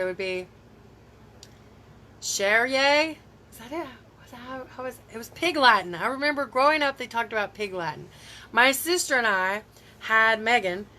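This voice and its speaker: Her voice is a little high and sharp-toned. She's a beauty vlogger from Tennessee, live streaming from home on her phone, chatting loosely and reacting to what viewers write.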